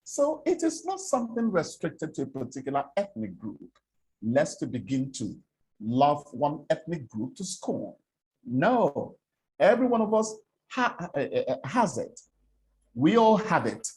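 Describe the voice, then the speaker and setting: A Nigerian presentation coach whose first language is Igbo gives a spoken lecture on English diction and pronunciation. His slightly high, darkish voice is sing-song and swings widely in pitch, and he moves unhurriedly, repeating words as he works through examples. The recording is rough.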